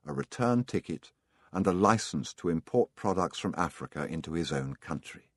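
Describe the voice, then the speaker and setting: A man narrates an audiobook in a calm storytelling manner. His very deep voice moves in a lively, expressive way. The recording is close and dry. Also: dry recording.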